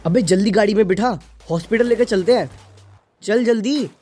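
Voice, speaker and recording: A man voicing a panicked male bystander who shouts urgent orders on the road. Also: high voice, normal speed, voice pushed up. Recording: loud music behind.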